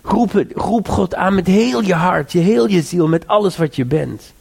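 A man's voice: sits high, animated, moderate pace, creaky, darkish tone, slightly rough. A man preaching a sermon, earnest and exhorting, repeating phrases and rising to urge listeners.

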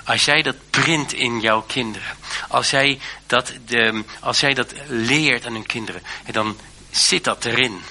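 Bright-voiced preacher man, hesitant. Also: medium pitch, unhurried. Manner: earnest, hesitant with many fillers and restarts. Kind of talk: sermon.

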